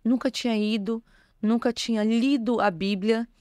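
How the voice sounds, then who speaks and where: A woman's voice: fairly high pitch, steady tone, moderate pace, darkish tone, dry recording. Woman, church bishop giving her testimony, earnest and emotional, dry close sound. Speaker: bishop, guest. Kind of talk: personal testimony in an interview.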